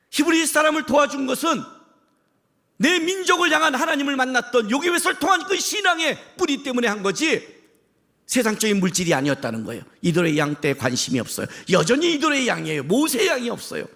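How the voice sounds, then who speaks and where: A man preaching a sermon as pastor, impassioned, shouting for emphasis and firing rhetorical questions at the congregation. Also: high voice.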